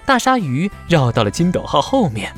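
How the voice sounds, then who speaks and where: A man narrating a scripted children's story in a dramatic, expressive way. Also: on the high side, normal speed, faint music behind.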